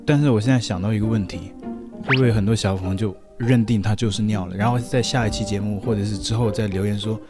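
A man's voice: lowish voice, fairly even intonation, fast, music in the background. A young man from mainland China who speaks Mandarin with a Taiwanese accent, sarcastically reading out and mocking hostile viewer comments. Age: young adult. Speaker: YouTuber guest.

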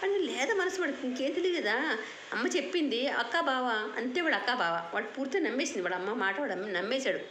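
Older woman, storyteller, bedtime story, animated, fast, roomy echo. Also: fairly high pitch. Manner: animated, moralizing. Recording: roomy echo with faint hiss.

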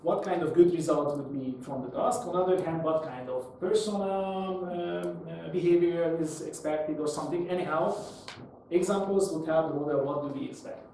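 At normal speed, a man with a fairly high, warm voice and some vocal fry delivers a live technical lecture using a question-and-answer style and non-native English phrasing. He's in a small indoor meetup room with a seated audience, recorded from a distant mic with echo and faint noise.

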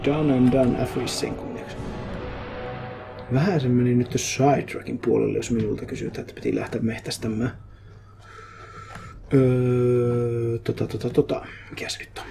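A man giving casual commentary while he plays a game live, chatty and prone to excitable outbursts in English. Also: mid-range voice, creaky, long pauses. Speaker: streamer. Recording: game music behind voice. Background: game music.

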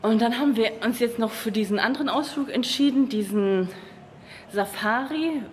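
A woman in her thirties, fairly high-pitched but darkish in tone, speaks at normal speed to a camera held at arm's length. As a travel vlogger moving between a hotel lobby and the street, she chats casually and rambles slightly, drained by the humid heat, often saying "genau" and "ne?". There is slight background noise.

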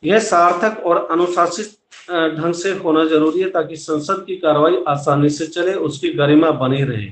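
A man's voice: fairly high pitch, steady tone, measured pace. A middle-aged man teaching an online class, explaining step by step, mixing English terms into Hindi and speaking straight to his students, recorded on a laptop webcam at home. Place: small room at home with plain wall, indoors. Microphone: laptop webcam at close range. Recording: echoey room with faint background hiss.

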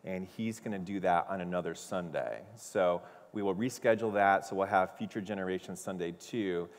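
A man's voice: low-pitched, normal speed. A man making live church announcements from the stage in a loose, upbeat way with plenty of fillers. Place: church sanctuary. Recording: long reverb of a large church hall.

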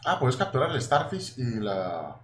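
A young man with a Spain Spanish accent giving casual, excitable gameplay commentary, swearing now and then and chatting to his viewers. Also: mid-range voice, unhurried. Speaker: gaming YouTuber. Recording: echoey room with faint noise.

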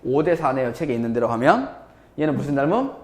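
Male math teacher, live class, bright lively delivery, roomy echo. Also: mid-range voice, quick pace. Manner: lively, constantly checking with students. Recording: echoey classroom.

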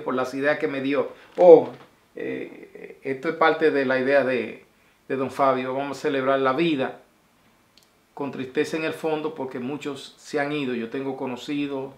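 A man, talking casually and affectionately to his viewers in a video message, rambling and sending blessings from a small room at home. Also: medium pitch. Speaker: vlogger. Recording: roomy echo.

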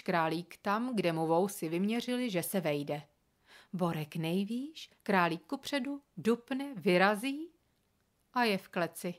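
Brief: female narrator, fairly low voice, animated storybook reading. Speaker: reader.

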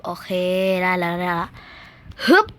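Bright excitable young woman gamer. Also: normal speed. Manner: excitable, squeals and chatters while playing. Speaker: gaming video host. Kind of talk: casual gameplay commentary.

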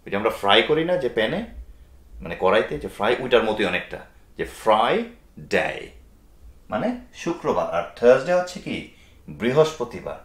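A man's voice: fairly low pitch, sing-song, fast. A man giving a spoken English pronunciation lesson, explaining step by step, spelling out letters and mixing in English phrases. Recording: roomy echo.

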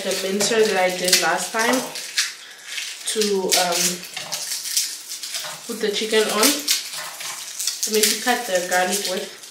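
A woman's voice: mid-range voice, heavy background noise. Chatty young woman in an echoey kitchen. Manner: chatty, rambling, many fillers. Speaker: vlogger. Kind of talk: casual cooking vlog chat. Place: home kitchen. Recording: echoey kitchen, distant camera mic, kitchen clatter.

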